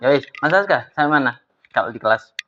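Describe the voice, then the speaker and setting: A woman teaching an Arabic class to children, coaxing her pupils with lively questions. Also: very deep voice, fast. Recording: slightly dull lo-fi with faint noise.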